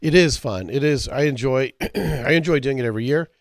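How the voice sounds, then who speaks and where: A man who is a deacon, hosting a radio fundraiser from a studio, with a gravelly morning voice, clearing his throat and joking about his own mistakes. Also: mid-range voice, fairly quick, no room sound. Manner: casual, self-deprecating, stops to clear his throat. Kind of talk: radio fundraising talk and prayer.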